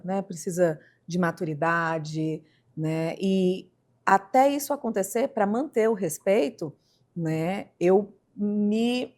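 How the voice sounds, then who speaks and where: A woman's voice: fairly low pitch, darkish tone. A woman with a Brazilian accent hosting an interview podcast, talking reflectively and tagging her thoughts with "né", then rising sharply for emphasis. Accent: Brazilian Portuguese. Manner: reflective, with frequent "né" tags and sudden emphatic rises. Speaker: podcast host. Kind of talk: casual interview talk.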